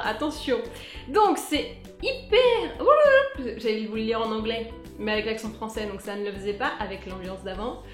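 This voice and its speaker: A young woman talks through a casual beauty review with a playful, chatty manner and now and then breaks into sung asides. Her voice sits a little high. The room is echoey, with faint music behind her. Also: fairly bright tone. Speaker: beauty vlogger.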